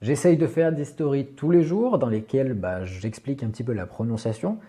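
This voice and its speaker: Guy teaching pronunciation, super mellow dark voice, patient, lots of little fillers. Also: mid-range voice, expressive. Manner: patient, slow, with many "bah" fillers. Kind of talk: explanatory video lesson.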